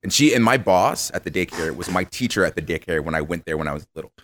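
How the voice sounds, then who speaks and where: A man with a deep, low-pitched voice tells stories as a podcast guest. He talks casually and animatedly, slipping into the voices of the people in his stories. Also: fast, slight background noise. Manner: animated, acts out quoted voices. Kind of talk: casual storytelling interview.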